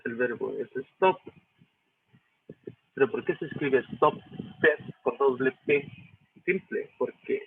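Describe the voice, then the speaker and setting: A man's voice: mid-range voice, animated, slow pace, vocal fry, pauses often, slightly rough. A male English teacher with a Chilean accent explains a reading step by step, often checking with "¿sí?" and "¿cierto?". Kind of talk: recorded lesson walking through a reading. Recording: tinny phone-like lo-fi audio.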